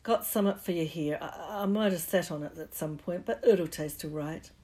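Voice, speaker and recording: A woman voicing a huge, rough-spoken but kindly male giant who talks in a broad dialect. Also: on the low side, animated, normal speed, warm tone, lightly acted. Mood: gruff, hearty. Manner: broad dialect, gruff and hearty.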